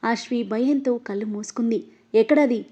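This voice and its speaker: Woman narrator, higher voice, mellow tone, dull lo-fi sound, dramatic story reading. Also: normal speed. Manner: reads all the characters, her voice rising louder in angry lines. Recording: dull, lo-fi audio.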